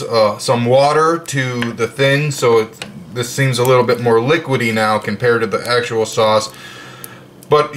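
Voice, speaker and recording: Speaking at an ordinary middle pitch, a man chats casually about his home cooking, slow and drawn out with lots of fillers. The camera mic catches him in his home kitchen with the windows open and a faint hum in the background.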